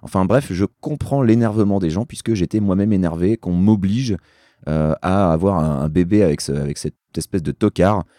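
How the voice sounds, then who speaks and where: A tired man with a voice gone hoarse from yelling at karaoke, chatting casually and at length as a talk show guest with dry, self-deprecating humour. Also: low voice, moderate pace, no room sound. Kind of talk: casual rambling chat.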